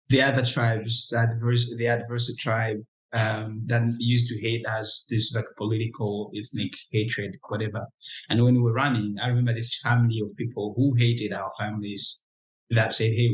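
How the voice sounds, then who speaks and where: A young man from Congo shares his story as an interview guest. He talks in a reflective, unhurried way, often pausing and restarting phrases. His voice sits at an ordinary middle pitch. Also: rough recording. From Democratic Republic of Congo. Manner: reflective, halting, many restarts and "you know".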